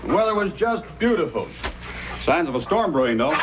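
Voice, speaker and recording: A man playing a courteous, businesslike Mountie sergeant in an old-time radio drama, with measured delivery. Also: fairly high pitch, big pitch swings, noisy background. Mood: businesslike, affable.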